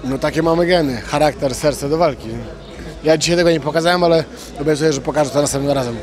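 A young man, a fighter, answering post-fight interview questions outdoors into a handheld mic, halting with many fillers and restarts and blunt slang. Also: a little high, darkish tone, soft background music. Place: outdoors at an event press wall. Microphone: handheld reporter mic.

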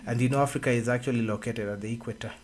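Man, 40s, radio co-host, unhurried, many fillers, mid-pitched, studio mic. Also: fairly even intonation, darkish tone. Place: radio studio with red walls. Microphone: studio boom mic.

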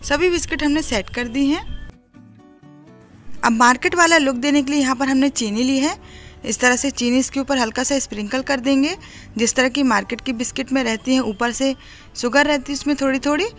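A home cooking host walks through a recipe step by step, her voice high-pitched and a bit bright. She explains each stage in an instructive way while music plays in the background.

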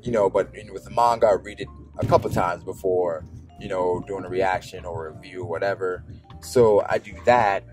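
Rambling vlogger man with a lowish voice, talking while driving, soft music under him. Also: steady tone, brisk. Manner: rambling, many restarts and fillers. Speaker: anime YouTuber. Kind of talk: casual car vlog monologue. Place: driving in a car. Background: faint background music.

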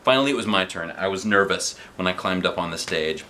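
A man in his thirties reads a children's book aloud to kids from his living room sofa, adding playful asides. He does animated, playful character voices, speaking in a low-pitched voice at a brisk pace.

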